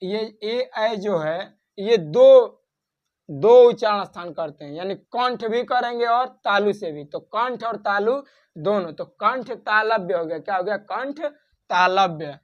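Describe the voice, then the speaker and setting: Speaking slowly in a high-pitched voice with lively intonation, this man tutors grammar the way a classroom teacher would, asking questions and supplying the answers himself. He also chants strings of letters rhythmically, and the audio has a dull, lo-fi quality.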